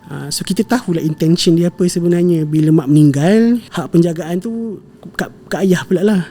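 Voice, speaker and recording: Speaking at a normal speed in a high voice with a dark tone, a young podcast guest recounts a family story conversationally. The retelling rambles, filled with fillers and self-corrections and some English words.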